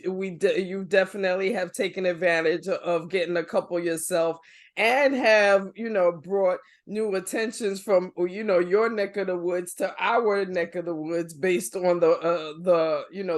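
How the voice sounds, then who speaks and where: A man's voice: sits high, steady tone, unhurried. Slangy man hosting a casual podcast. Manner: slangy, hesitant, wordy. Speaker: podcast host. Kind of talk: casual chat.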